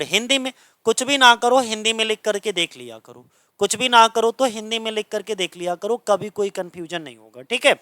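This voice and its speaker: Bright, high-voiced man teaching grammar. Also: clean tone, no echo, studio quality. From India. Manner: explains patiently, repeats points and checks understanding. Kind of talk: classroom lesson. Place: coaching centre classroom.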